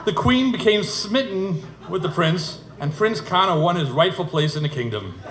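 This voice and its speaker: At an indoor wedding reception, the bride's middle-aged father delivers an expressive speech at normal speed, spinning it as a funny fairytale. His voice is high-pitched, and the room is reverberant and full of event noise.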